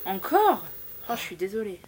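An actress playing a blunt, helpful chambermaid who talks casually in colloquial radio drama dialogue. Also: female voice, medium pitch, very animated, normal speed, slight background noise, lightly acted, low-quality recording. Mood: concerned, helpful. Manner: plain-spoken, casual.

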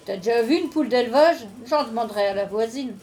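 A woman's voice: a little high, fast talker, darkish tone, lightly acted. An actress playing a thrifty, no-nonsense mother in a natural radio drama style. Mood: dry, practical. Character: thrifty, no-nonsense village mother, easily exasperated.

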